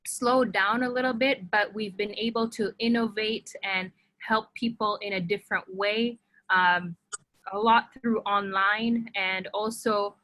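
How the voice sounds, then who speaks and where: A woman's voice: mid-range voice, steady tone, unhurried, pushed and bright, no room sound, poor audio. Upbeat woman from Tanzania on a call. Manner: upbeat, many ums. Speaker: entrepreneur guest. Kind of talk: webinar conversation. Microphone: video call.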